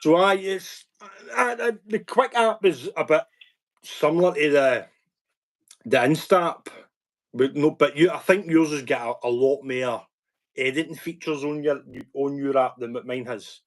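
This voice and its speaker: A man's voice: on the high side, measured pace. A man with a Glaswegian Scottish accent chatting loosely on a live stream as the channel host, stop-start with repeated words. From Scotland. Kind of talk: casual live-stream chat.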